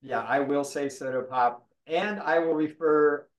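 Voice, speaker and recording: A man's voice: fairly high pitch, unhurried, rough recording. A man from the American South hosting a casual podcast chat, teasing his guest in an easygoing way. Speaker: podcast host.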